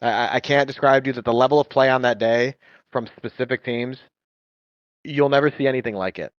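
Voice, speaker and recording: A man, an esports coach, chatting on a podcast in an animated way and acting out what players say. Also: medium pitch, fairly quick, no echo, muffled recording. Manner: animated storytelling, acts out players' voices. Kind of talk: casual podcast chat.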